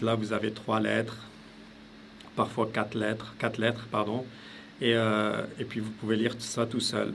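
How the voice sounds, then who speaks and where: A man's voice: lowish voice, vocal fry, fairly bright tone, slight background noise. A man teaching a casual spoken lesson, explaining step by step and repeating sounds aloud with frequent hesitations. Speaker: language teacher.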